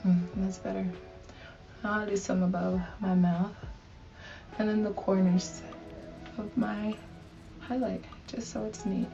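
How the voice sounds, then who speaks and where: A young vlogger takes it slowly through her get-ready-with-me makeup tutorial, pausing often and talking to viewers in friendly slang. Her medium-pitched voice is dark, fairly even, and full of vocal fry, while the lo-fi, distant-mic recording carries background music.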